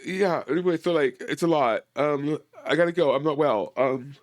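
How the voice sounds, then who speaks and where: A man's voice: on the high side, normal speed, dry recording, clean studio sound. A man in a casual live-stream chat, rambling and stammering with a lot of emotion.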